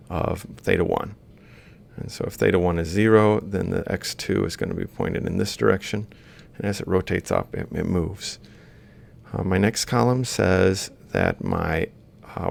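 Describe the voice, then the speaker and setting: A university robotics lecturer with a very creaky, low voice talks through an informal, step-by-step worked example. It's a voice-over on a screen-recorded lecture.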